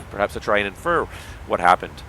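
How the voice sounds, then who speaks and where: Streaming live, a pilot gives casual commentary, laying out firm opinions through long, running explanations in a strained, tiring voice. He speaks at a moderate pace in a fairly low, bright, forceful voice with big pitch swings. The audio is poor, with a little hiss or hum.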